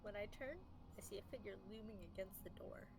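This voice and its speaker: A woman streamer reading a romance game aloud live, with animated, excitable reactions. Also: medium pitch, fairly quick, gravelly, noisy background. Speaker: streamer reading a visual novel. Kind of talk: live game playthrough with narration. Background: game music.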